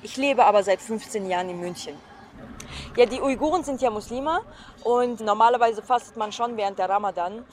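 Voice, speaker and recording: A woman's voice: fairly high pitch, a little fast, a little hiss or hum. A woman in her twenties from China, a student talking casually and informally about her own experience. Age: 20s. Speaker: student video diarist. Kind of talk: casual personal account.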